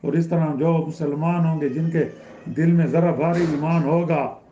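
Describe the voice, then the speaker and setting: A man's voice: on the high side, steady tone, dark tone, a little hiss or hum. A man teaching a Quran lesson in Urdu, explaining by repeating himself and rising in emphasis. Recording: roomy, dull lo-fi recording.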